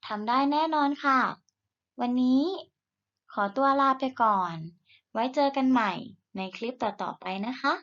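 A Thai primary school teacher leads a recorded reading lesson for young children, slowly and deliberately modelling sounds for them to repeat. Her high-pitched voice is gentle and encouraging, and the recording's highs are cut off.

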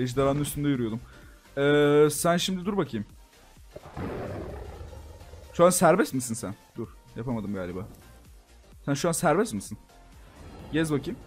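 A young man giving casual, excitable commentary as he plays a game and talks to his viewers. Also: medium pitch. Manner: excitable, talks to viewers as "gençler", frequent laughs and exclamations. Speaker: gaming YouTuber. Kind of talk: casual Minecraft let's-play commentary.

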